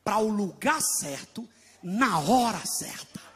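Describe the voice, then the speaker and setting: A Brazilian man preaching an impassioned Pentecostal sermon with a Brazilian Portuguese accent, often shouting and singing out key phrases. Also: high-pitched, animated, takes it slowly, breathy edge. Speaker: pastor.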